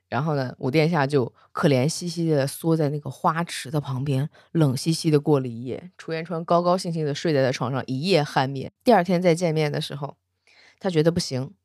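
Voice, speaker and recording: A woman narrates a fantasy tale in a relaxed, conversational way, laughing now and then. Her voice sits low, recorded close and dry. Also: no room sound. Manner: chatty, laughs often. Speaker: storyteller. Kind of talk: casual storytelling.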